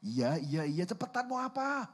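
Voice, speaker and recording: A man's voice: high-pitched, very animated, normal speed, breathy edge, full character voice. A man voicing an irritated older brother who impatiently hurries his little sibling along. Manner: impatient and annoyed.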